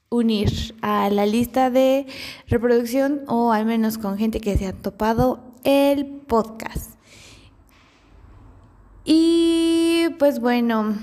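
A woman's voice: fairly high pitch, a little mellow, in a large hall. A woman hosting her own podcast in a chatty, self-deprecating monologue, thinking aloud with fillers. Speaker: podcast host. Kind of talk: casual solo podcast monologue.

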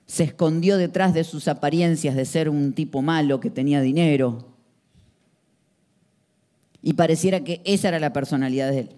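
A man's voice: fairly high pitch, normal speed, pauses often, dark tone. A man preaching a sermon, emphatic and full of rhetorical questions.

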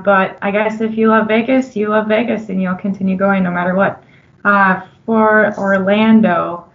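A woman's voice: medium pitch, narrow, tinny audio. A woman with a Minnesotan accent, a friendly, upbeat analyst guest in a casual interview who laughs easily.

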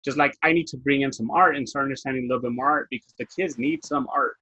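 A man speaking in a slightly husky voice as an interview guest, earnest and reflective about teaching. The sound is dry and muffled, like a remote call. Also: medium pitch, fairly even intonation, fast, pushed and bright, no echo. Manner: earnest, reflective, with filler-heavy restarts. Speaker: guest educator. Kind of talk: casual interview.

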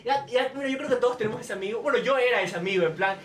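A man's voice: very high voice, very fast, roomy sound, distant mic, a little hiss or hum. A young man hosting a podcast, telling comic stories in casual chat and acting out the people in them. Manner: animated storytelling, slips into quoted voices. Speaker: podcast host.

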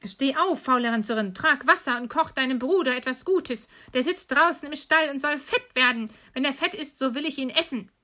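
A woman voicing a wicked old witch who talks drawn-out and shrill, with mocking cackles. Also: sing-song, sharp tone, heavily acted. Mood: commanding.

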